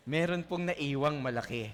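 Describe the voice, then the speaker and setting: A man preaching a sermon to his congregation, mixing Tagalog with English, often laughing and asking "Amen?". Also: fairly high pitch. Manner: animated, asks the congregation "Amen?"; laughs often while telling jokes. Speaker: pastor. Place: church hall before a congregation. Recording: long church hall reverb.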